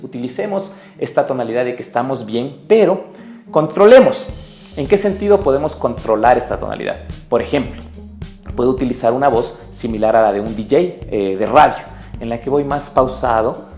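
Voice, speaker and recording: A man's voice: medium pitch, darkish tone. A man presenting a sales book summary in an upbeat, emotive way, speaking straight to the viewer. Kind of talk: animated sales lesson. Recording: echoey room with faint music.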